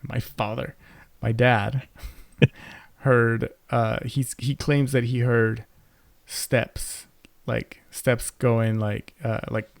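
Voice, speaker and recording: Young man, gravelly voice, rambling storyteller, dry close mic. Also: medium pitch, little pitch movement, very slow, dry recording. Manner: rambling, many fillers and restarts. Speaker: podcast co-host. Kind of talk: casual storytelling chat. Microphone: close podcast mic.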